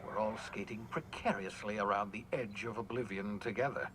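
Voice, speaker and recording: An actor playing an eccentric, rambling colony scientist in a video game, offhand and darkly cheerful. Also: male voice, lowish voice, steady tone, moderate pace, over music, natural voice, rough recording. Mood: scheming. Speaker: game character.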